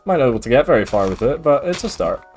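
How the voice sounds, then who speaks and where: Faint music plays behind this rapid-fire, medium-pitched man from Scotland, whose accent is mild. Chatting easily through a gaming stream, he responds to viewer messages in a laid-back way, peppering his talk with fillers.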